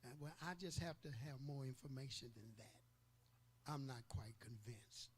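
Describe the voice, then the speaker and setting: A man's voice: medium pitch, normal speed, husky, voice pushed down, close to an everyday voice. A man voicing a skeptical male church member who hesitates and stays unconvinced. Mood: doubtful.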